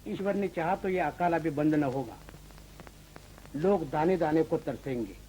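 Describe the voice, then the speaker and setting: An actor playing a greedy, boastful village landlord in a 1940s film, talking in a mocking, gloating way. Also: male voice, on the high side, unhurried, mellow, a little hiss or hum, lightly acted, low-quality recording.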